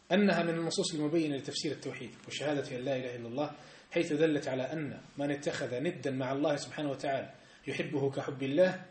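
A man teaching a religious text class, explaining verses and often asking his students whether they have understood. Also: fairly high pitch. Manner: lively, quizzes students often. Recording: echoey classroom.

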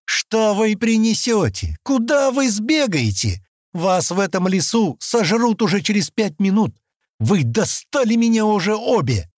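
A male narrator doing a hot-tempered man stranded on an alien planet, yelling and spluttering with exasperation at his careless companions in an audiobook. The voice is husky, jumps high and wide as he shouts, and sits close in a dry, dead room. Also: very animated, unhurried, dry recording, exaggerated voice. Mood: furious shouting.

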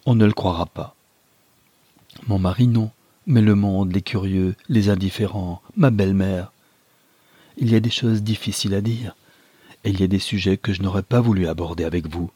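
A proud young mother pleads earnestly with the man she loves, as read by a man. The voice sits low and slightly husky. The recording is close and dry. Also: steady tone, moderate pace, pauses often, mellow, no echo. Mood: pleading.

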